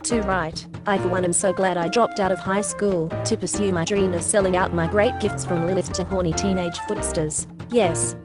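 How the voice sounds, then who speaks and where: A woman's voice: lowish voice, steady tone, normal speed, hardly any pauses, music in the background, lightly acted. A woman doing a cheeky girl with an Aussie accent. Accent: Australian (put on). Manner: cackling, brash. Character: crude cheeky young woman.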